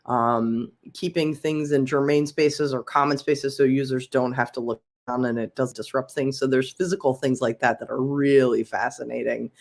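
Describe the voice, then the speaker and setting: A woman's voice: a bass voice, steady tone, normal speed, few pauses, darkish tone. A talkative woman from Philadelphia chats as a podcast guest. She fills her sentences with ums and laughs easily as she explains her work. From Philadelphia, USA. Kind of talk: casual interview chat.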